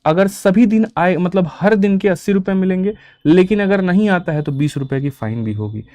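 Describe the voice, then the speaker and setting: A young man teaches an online maths class for competitive exams. His voice sits a little high yet mellow, recorded dry and close. He talks emphatically, repeating points and calling students brother. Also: normal speed, no echo. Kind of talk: online exam-prep class with batch promotion.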